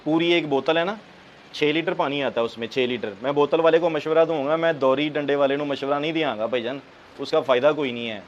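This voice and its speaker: In a lo-fi recording with birds faintly audible, a man from Pakistan talks fairly quickly in a fairly high voice. He offers relaxed how-to tips on keeping pigeons, peppering them with "theek hai."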